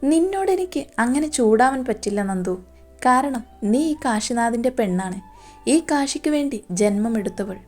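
A woman's voice: fairly high pitch, animated, normal speed, darkish tone, faint music behind, natural voice. A woman voicing a brooding young male boss who speaks tenderly and possessively to his beloved.

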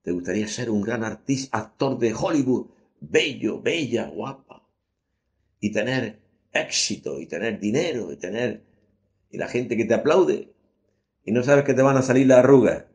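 A man's voice: medium pitch, expressive, moderate pace, a little mellow. A man preaching a radio sermon, emphatic, repeating key phrases and asking his listeners rhetorical questions. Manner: voices imagined listeners' replies.

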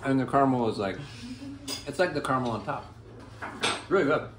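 Un hombre que copresenta un vlog de cocina y graba, hablando de forma relajada y casual. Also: male voice, mid-range voice, fairly quick. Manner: relaxed, easygoing remarks. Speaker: co-host filming. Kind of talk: casual chat. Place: home kitchen. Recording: echoey room with background noise.

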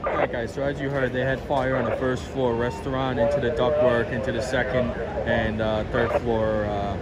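A man giving casual on-scene narration outdoors at night, halting with many fillers, recorded on a handheld camera. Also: mid-range voice, little pitch movement, over a noisy crowd. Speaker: fire scene videographer. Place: busy city street at night, outdoors. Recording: loud street and engine noise.

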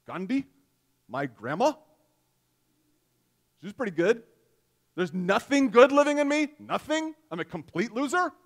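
A pastor in his forties, with a voice noticeably high for a man, preaches from a church stage in a conversational, self-deprecating way, sharing homely stories between points. He is very animated, a little slow, and pauses often, captured close and clean by a headset mic.

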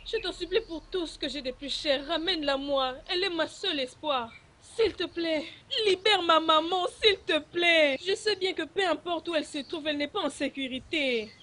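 A woman's voice: high voice, fairly bright tone, slight background noise. An actress voicing a young village woman searching for her missing mother in a French film dub, insistent and often tearful.

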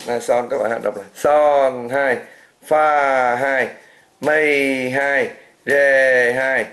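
A man's voice: medium pitch, a bit bright. A man teaching a beginner organ lesson, patiently counting beats and chanting note names. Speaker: music teacher. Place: music classroom indoors. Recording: echoey room with organ playing.

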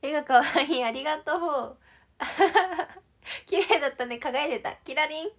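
A young woman from Shizuoka, Japan, hosts a casual idol livestream, reading viewer comments and chatting in a bubbly, playful, giggly way. Her voice sits high and a bit bright, and she talks a little fast.

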